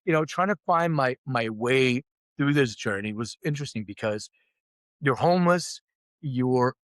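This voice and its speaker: An expressive, unhurried, mid-range male voice comes through in a dry recording. It's a middle-aged company CEO, Lithuanian by birth and raised in Philadelphia, who as an interview guest relays his life story with openness and self-mockery, acting out the voices he quotes.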